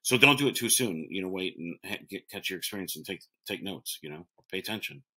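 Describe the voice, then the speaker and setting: A man's voice: low-pitched, expressive, a little fast, bright, forceful tone, slightly rough. A man in his forties, a restaurant owner and chef, talking casually in an interview and rambling through restarts and fillers. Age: 40s.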